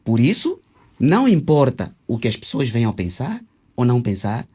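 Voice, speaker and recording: Warm in tone and medium in pitch yet swinging hugely, this husky, faintly breathy male voice belongs to an interviewee who calls himself a traditional king. His explanatory answers are teacherly, breaking Kikongo words into syllables amid many hesitations.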